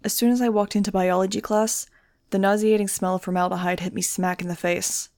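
A woman narrating a fan-fiction audiobook in a steady, even reading voice. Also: mid-range voice, brisk, no echo, studio quality. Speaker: audiobook reader.

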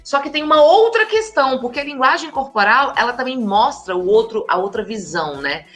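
Expressive woman giving a lecture. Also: on the high side, a little fast, faint music behind. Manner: lively, emphatic, speaks straight to the audience. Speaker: communication and body language trainer. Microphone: camera with slides, hands in frame.

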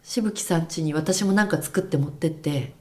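A woman's voice: sits low, moderate pace, warm tone. A woman hosting a podcast in upbeat, polite chat, with frequent agreeing replies. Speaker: podcast host.

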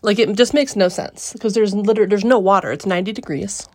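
A woman hosting a reflective solo podcast, musing with frequent pauses mid-phrase, recorded live in a small rock cave. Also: medium pitch. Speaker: podcast host.

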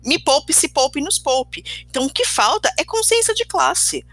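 A woman speaks emphatically in a casual chat. She makes her points with sarcastic bite. Her voice sounds bright, and the dry recording keeps it close. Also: sits high, animated, normal speed, dry recording.

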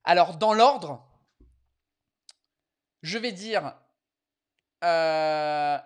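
A man's voice: fairly high pitch, extremely slow, clean tone. Swearing bilingual comedian host, man. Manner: mixes French and English, swears freely. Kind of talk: casual bilingual live chat.

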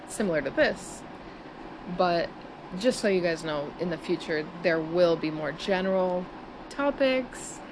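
A woman in her thirties hosting a casual solo podcast, chatty and giggling nervously, recorded in low-quality audio in a small studio on a busy street. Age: 30s. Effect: low-quality audio with street noise. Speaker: podcast host. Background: traffic and air-conditioner hum.

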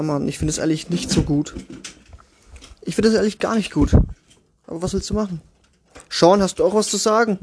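Fairly high in pitch with a darkish tone, this man's voice carries a crude, sarcastic home podcast. A father recording on one microphone in a child's bedroom, he grumbles to the people listening.

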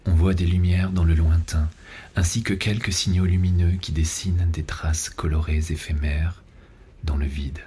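A man playing a seductive, ardent lover in an ASMR role-play, murmuring slowly and breathily, right in the listener's ear. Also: deep voice, steady tone, dark tone, slight background noise, lightly acted. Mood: sensual, slow. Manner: slow, intimate, breathy murmur close to the ear. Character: seductive male lover on a night train, intimate and ardent. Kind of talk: ASMR role-play, erotic audio narration.

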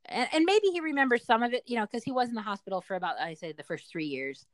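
A woman's voice: on the high side, lively intonation, fast talker, no echo. Middle-aged woman as a parent being interviewed; talkative, explanatory, conversational storytelling, recorded very dry. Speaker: parent interviewed about their child.

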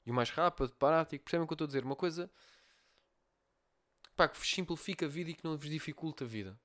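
A man's voice: fairly high pitch, racing, fairly bright tone. Portuguese man hosting a solo podcast. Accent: European Portuguese. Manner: repetitive, checks in with listeners often. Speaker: podcast host. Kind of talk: solo podcast advice talk.

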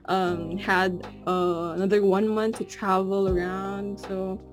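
A woman's voice: mid-range voice, flat delivery, slow pace, faint music behind. A young woman from the Philippines co-hosting a casual podcast, chatty and giggly, full of "like" and "you know". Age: young adult. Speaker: podcast co-host.

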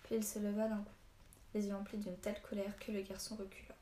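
A woman reads the narration of an audiobook calmly and evenly. Her voice is mellow, with a narrow pitch range. The recording has room echo and a faint hiss behind it. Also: quick pace. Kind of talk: audiobook reading.

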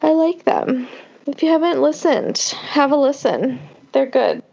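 A woman's voice: high voice, expressive, a little slow, creaky, dark tone, dull audio. A woman co-hosting a podcast in casual, upbeat chat. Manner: chatty and upbeat. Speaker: podcast co-host.

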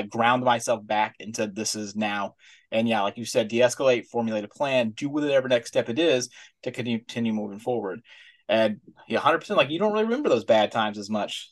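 A man co-hosts a casual podcast, talking fast in a mid-range voice. He rambles loosely, packing his speech with "like" and "you know". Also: mid-range voice. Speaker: podcast co-host.

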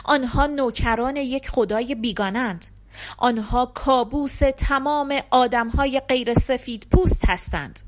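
A woman's voice: a little high, close to an everyday voice. Woman reading as a scornful male pandit.

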